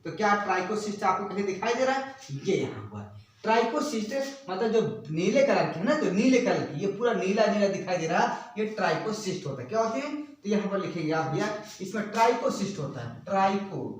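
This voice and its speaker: A man's voice: high-pitched, very animated, a little fast, distant mic. A man teaching a biology lesson, who keeps asking and repeating questions and spells out terms letter by letter as he writes. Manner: repeats and quizzes students with rhetorical questions. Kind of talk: classroom-style lesson at a board. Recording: very echoey room, speaking away from the mic.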